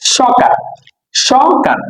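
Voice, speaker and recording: A man's voice: extremely slow, fairly bright tone, low-quality recording. A man from Bangladesh teaching a vocabulary lesson, repeating each word and quizzing his listeners with questions. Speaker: English teacher. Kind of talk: classroom-style vocabulary lesson.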